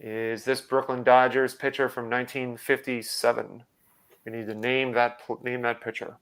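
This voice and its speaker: A man's voice: mid-range voice, flat delivery, moderate pace, fairly bright tone. A man hosting a live online trivia quiz over a video call, talking with hesitant fillers and restarts. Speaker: trivia host.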